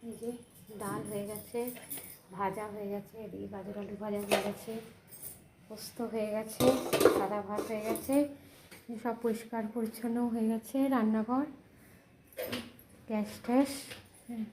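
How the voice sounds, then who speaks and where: A weary, unwell woman, speaking slowly and quietly in a casual cooking vlog from her home kitchen. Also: medium pitch, level tone. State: tired and unwell. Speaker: vlogger. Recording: loud background noise.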